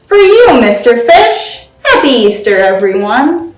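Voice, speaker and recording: Reading children's stories aloud, a volunteer story time reader speaks in a slightly high voice with big pitch swings and an unhurried pace. The mic is distant, the room echoes, and music plays in the background.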